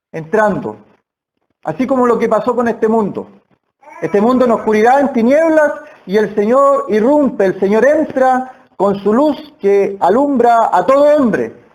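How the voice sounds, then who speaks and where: A man delivers a sermon with a strikingly high-pitched voice. He preaches earnestly, stretching out key phrases and repeating words for emphasis, as a lay preacher in a church. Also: darkish tone. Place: church hall.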